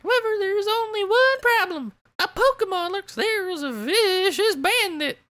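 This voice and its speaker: A woman voicing a cheerful, childlike guild leader who makes high, bubbly announcements to a crowd of explorers. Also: animated, normal speed, fairly bright tone. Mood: rallying.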